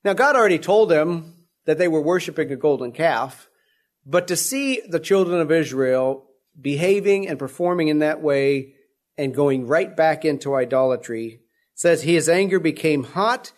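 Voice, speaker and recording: An earnest man preaching a sermon, reading verses aloud and then explaining them. His voice sits somewhat high for a man, and he often stops and restarts his sentences as he goes. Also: animated, moderate pace.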